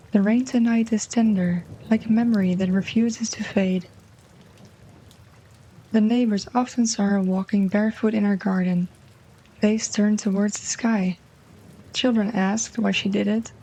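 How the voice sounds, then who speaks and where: A woman with a Dutch accent narrating a literary short story in a soft, mellow voice. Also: medium pitch, low-quality recording.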